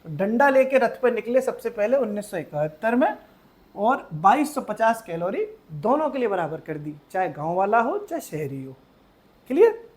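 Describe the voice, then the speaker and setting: Male coaching teacher with a fairly high voice. Lively exam-prep lecture: storytelling, memory tricks, loud stresses and quiet asides. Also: moderate pace. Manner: playful storytelling with memory tricks, keeps checking the class; animated, swings between loud emphasis and quiet asides.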